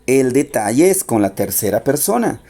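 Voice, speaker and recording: Guy teaching english grammar online, patient, says the key stuff over and over, kinda dark mellow voice. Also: mid-range voice, big pitch swings. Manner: patient, repeats key points, slows down for English examples.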